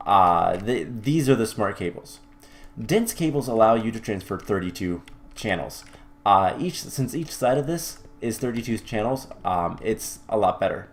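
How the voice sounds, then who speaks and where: Low-voiced man narrating gameplay, thinking aloud. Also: a little hiss or hum. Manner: thinks aloud with many fillers and restarts; mildly wry, self-correcting. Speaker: let's-play host. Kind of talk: casual gameplay commentary.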